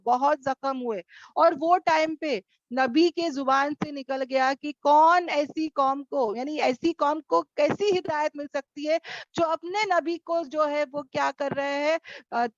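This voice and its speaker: A woman's voice: high-pitched, no room sound, highs cut off. A woman teaching a religious lesson to a class of women, often asking questions and answering them herself. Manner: asks and answers her own questions. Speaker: Quran teacher. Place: online class over video call.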